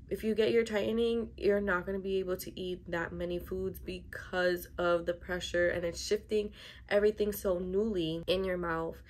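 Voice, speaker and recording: A woman's voice: on the low side, a little hiss or hum. A young adult woman chatting casually to camera in a vlog, with an emphatic, complaining way of talking, recorded indoors in a bedroom. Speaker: vlogger.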